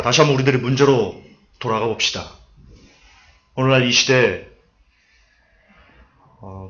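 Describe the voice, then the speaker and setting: A man preaching a sermon, telling stories and acting out quotes to make his points. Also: mid-range voice. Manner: lively storytelling with acted-out quotes and asides. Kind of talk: sermon lecture. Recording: dull lo-fi recording.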